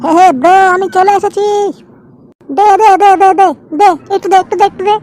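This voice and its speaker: A man with a West Bengal accent voicing a pushy, freeloading drunkard in a comic cartoon, nagging repetitively through a pitched-up effect. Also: fairly even intonation, brisk, a little mellow, slight background noise. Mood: pestering. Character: pushy, freeloading male drunkard craving booze.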